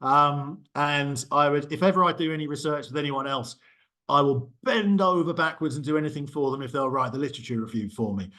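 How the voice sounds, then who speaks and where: A middle-aged university lecturer with a fairly high, bright, forceful voice speaks briskly. It's a casual small group discussion, and he rambles loosely, often saying um and correcting himself.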